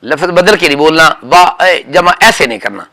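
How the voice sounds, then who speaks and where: A man's voice: a little high, expressive, normal speed, bright, forceful tone. A man teaching a grammar class, quizzing students and correcting them firmly and repeatedly. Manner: firm, repetitive corrections, calls on students by name. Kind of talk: drilling students in a grammar lesson.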